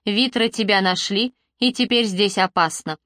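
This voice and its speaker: A woman voicing a calm, firm young man who speaks steadily and insistently in a storybook reading. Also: medium pitch, normal speed, no room sound, studio quality, close to an everyday voice.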